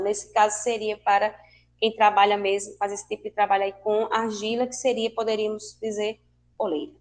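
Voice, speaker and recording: A woman teacher with a Brazilian accent, explaining a language lesson patiently and asking her students questions. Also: fairly high pitch. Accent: Brazilian Portuguese. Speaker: Spanish teacher. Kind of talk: online class lesson.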